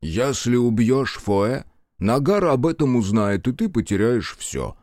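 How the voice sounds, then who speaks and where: A male audiobook narrator voicing a calm monk who speaks quietly and measuredly. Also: medium pitch, measured pace, no echo, studio quality.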